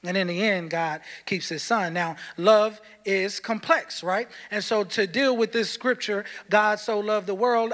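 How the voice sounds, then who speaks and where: A man preaching a sermon as pastor, impassioned and shifting between shouts and low tones, repeating words for emphasis. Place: church sanctuary. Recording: long hall reverb.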